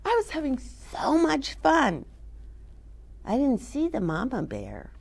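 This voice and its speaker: Slow and highly expressive, this female storyteller and show host swings widely in pitch as she reads to and chats with little ones, asking them questions directly. Her animated, sing-song voice has a gravelly, breathy edge.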